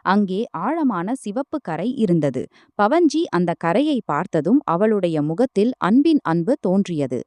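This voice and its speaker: A woman's voice: mid-range voice, big pitch swings, unhurried, darkish tone, dry recording, clean studio sound. A woman narrating a romance novel as a scripted story reading.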